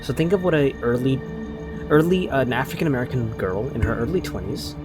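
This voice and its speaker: A man's voice: mid-range voice, animated, fast, over loud music. A man running a tabletop role-play game as game master; he narrates scenes and explains them with hesitant restarts.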